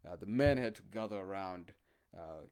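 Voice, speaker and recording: A man's voice: deep voice, animated, normal speed, a little mellow. A man talking in a casual, rambling monologue full of hesitations and fillers. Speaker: podcast host.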